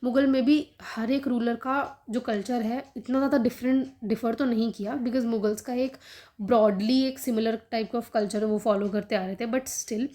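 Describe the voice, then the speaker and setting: A young woman teaching exam prep in a quick, chatty way, sprinkling in fillers as she explains. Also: on the high side, dark tone. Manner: fast, chatty, frequent "theek hai" fillers. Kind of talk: casual study-guidance talk, Hindi-English mix.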